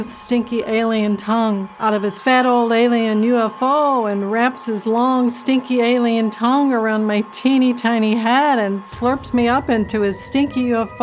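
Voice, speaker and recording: A woman with a fairly high voice complains through her story in a mock testimonial. She sounds slow and aggrieved, with faint music behind. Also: rough recording. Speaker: interviewee.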